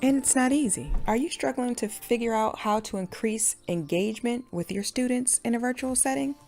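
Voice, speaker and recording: A woman's voice: on the high side, normal speed, a little mellow, faint music behind. A woman teacher giving classroom tips in a casual, conversational way, often repeating words as she goes. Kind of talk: chatty instructional video talk.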